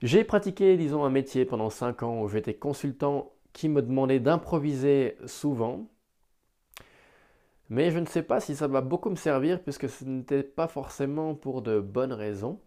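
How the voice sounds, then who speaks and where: A man improvising a solo podcast, hesitant and self-deprecating as he thinks aloud, with careful, deliberate articulation. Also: mid-range voice, animated, warm tone. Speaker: amateur podcast host.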